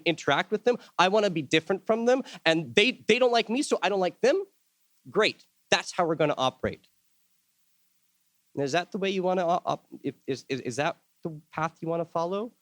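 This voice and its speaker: In a dry recording, a fairly high, somewhat bright male voice belongs to a workshop speaker raised in El Salvador. He addresses his audience with enthusiasm, repeats words while working through his thoughts, and performs the voices he quotes.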